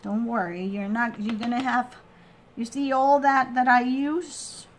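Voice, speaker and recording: A woman with a slightly high voice walks through a craft project at a very slow pace. She is casual and halting, often trailing off and restarting as she explains each step. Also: steady tone, a little hiss or hum. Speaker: craft tutorial host.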